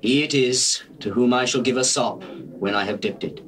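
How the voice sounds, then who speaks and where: A man playing Jesus as a solemn, authoritative teacher, speaking in measured, declamatory phrases in a dramatized King James Bible reading. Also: medium pitch, fairly bright tone, lightly acted. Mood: grave. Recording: noisy old cassette recording.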